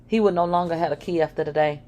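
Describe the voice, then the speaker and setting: A woman's voice: low-pitched, fast, warm tone, lo-fi sound. A woman reading a dramatic first-person story aloud, emotional and blunt, with swearing. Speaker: narrator.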